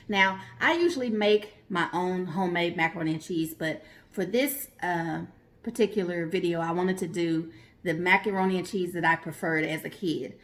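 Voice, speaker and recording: A woman vlogger from Oklahoma, chatting casually and rambling as she thinks aloud in a mukbang video. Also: on the low side. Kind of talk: casual mukbang vlog talk.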